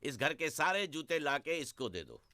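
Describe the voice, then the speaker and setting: An actor playing a stern, stingy rich landlord in a film comedy, gruff and commanding. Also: male voice, fairly high pitch, very animated, moderate pace, pushed and bright, full character voice.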